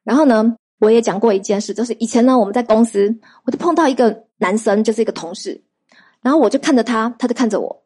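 A woman preaching a sermon, telling lively testimony stories and throwing rhetorical questions at her listeners. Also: on the high side, quick pace, breathy edge.

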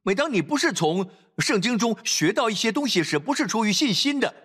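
Preaching briskly and with great animation, this slightly rough-voiced pastor reads scripture and presses parents to act. His delivery swings from loud urging down to quiet, low asides.

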